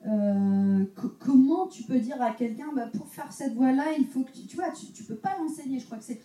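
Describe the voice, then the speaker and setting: A woman co-hosting a casual podcast interview, lively and quick to laugh. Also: high-pitched, distant mic. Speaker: podcast co-host. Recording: roomy, off-mic, faint noise.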